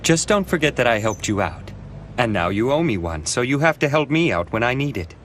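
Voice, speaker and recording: A man's voice: medium pitch, very animated, a little fast, a little hiss or hum. A man voicing a cocky, laid-back vampire mentor in an English anime dub. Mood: amused. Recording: loud music behind the voice.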